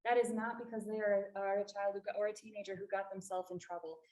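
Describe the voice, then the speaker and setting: A woman's voice: medium pitch, flat delivery, quick pace, a little mellow. A woman from a refugee services agency giving a public talk to a library audience, explaining earnestly and stressing key points. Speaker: refugee services staff presenter. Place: library meeting room. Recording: echoey room.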